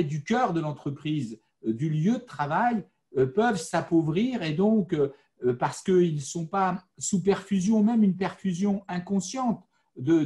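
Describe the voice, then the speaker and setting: A man from the Vosges talks through his point on a panel discussion. His voice sits high for a man, and he explains in a measured, deliberate way, often pausing on fillers. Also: mellow. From France, Vosges. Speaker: panel speaker.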